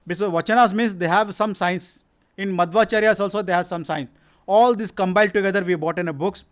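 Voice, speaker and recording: High-pitched man with a Kannada accent. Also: fairly even intonation. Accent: Kannada-accented Indian English. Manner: halting, self-correcting, repetitive delivery. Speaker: science organisation representative presenting its activities. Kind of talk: informal public presentation.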